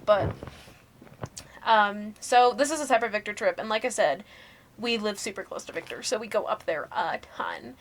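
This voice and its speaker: A young woman co-hosting a podcast, telling her ghost stories casually, laughing, swearing and going hushed at the spooky parts. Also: mid-range voice, moderate pace, a little hiss or hum. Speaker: podcast co-host. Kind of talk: casual storytelling chat.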